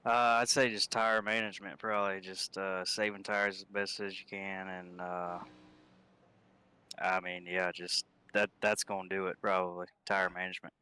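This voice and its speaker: A man interviewed as a race driver, answering in halting, hesitant bits with many pauses. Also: low-pitched, flat delivery, pushed and bright, clear, resonant tone. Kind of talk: casual interview.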